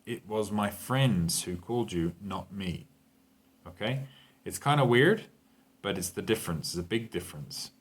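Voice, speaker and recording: A man's voice: fairly low pitch, expressive, moderate pace. A man teaching a grammar lesson to Spanish speakers, explaining patiently and checking in with "okay?" and "right?". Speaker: English teacher.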